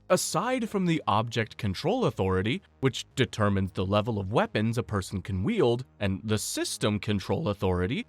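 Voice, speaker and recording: A man reading a scripted story recap, explaining events in a steady, explanatory storytelling manner. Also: mid-range voice, no room sound. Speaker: anime recap narrator. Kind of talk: scripted narration.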